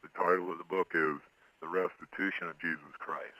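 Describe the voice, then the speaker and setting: A man with a disguised deep voice, giving explanatory answers as an interview guest. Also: steady tone, a little fast, bright, forceful tone, no room sound, dull audio. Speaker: guest, pseudonymous author.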